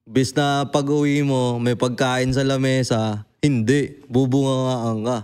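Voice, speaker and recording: A young adult man hosting a casual podcast chat, animated and blunt, swearing freely and often asking "di ba?". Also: mid-range voice, a little slow, clear, resonant tone. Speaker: podcast host.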